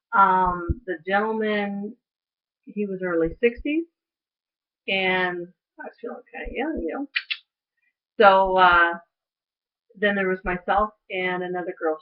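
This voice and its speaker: A middle-aged woman in a chatty vlog, telling a story and acting out the other people's lines. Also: medium pitch. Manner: chatty storytelling, acts out quoted voices. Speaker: vlogger. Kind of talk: casual recovery update. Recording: tinny lo-fi audio.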